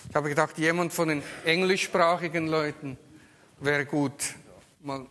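A man leading a church service, praying and then inviting a speaker forward, in a measured, earnest way. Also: on the high side, fairly even intonation, sharp tone, long reverb tail, slight background noise. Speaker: pastor or service leader. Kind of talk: prayer and service moderation.

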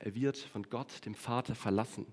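A man delivers a sermon to his congregation in an earnest tone. He slows down and stretches key words for weight. On solemn lines his voice sinks low and quiet. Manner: addresses the congregation directly. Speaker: preacher.

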